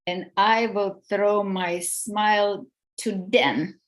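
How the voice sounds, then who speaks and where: Brooklyn woman on zoom, slow and polite intro. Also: mid-range voice, steady tone. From Brooklyn, New York. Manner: unhurried, polite. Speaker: meetup participant. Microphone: video call.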